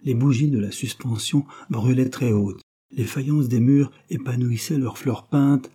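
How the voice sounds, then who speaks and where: A man reading a classic novel aloud as an audiobook narrator, in an even, measured way. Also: medium pitch, husky.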